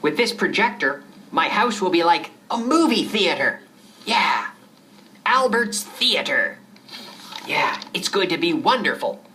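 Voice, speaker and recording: An eager, excited man talks himself into buying a projector, repeating his joy over and over, as a woman puts him on. His voice sits low, slow and unhurried, swinging widely in pitch. It's a role-play from an English lesson. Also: slight background noise. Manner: eager, repetitive, drawn-out.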